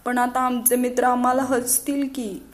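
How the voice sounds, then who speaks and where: A woman voicing a proud, touchy little boy who talks in a high, pleading, excited way. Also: moderate pace, close to an everyday voice. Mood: insistent.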